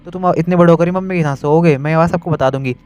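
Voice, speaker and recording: A man's voice: a little high, rapid-fire, darkish tone, pitched above the performer's own voice, lightly acted. A man voicing a little sister who mocks and teases her older brother, in an audio story. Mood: teasing. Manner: mocking, teasing.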